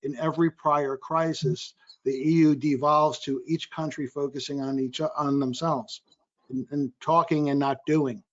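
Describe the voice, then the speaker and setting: A man speaking as an investor on a panel, energetic and quick, often cutting into his own sentences. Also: on the high side, dull audio. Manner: energetic, quick, self-interrupting. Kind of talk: panel discussion. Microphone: video call.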